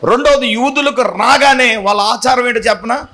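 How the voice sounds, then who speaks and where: Bright high-voiced preacher man. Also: moderate pace. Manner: call-and-response, urging the congregation to answer loudly; animated storytelling with acted-out dialogue. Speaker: pastor. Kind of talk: sermon.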